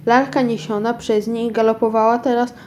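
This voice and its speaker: A woman's voice: fairly high pitch, level tone, normal speed, darkish tone, slight background noise. Woman reading a children's story aloud. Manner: unpolished reading with frequent restarts and self-corrections.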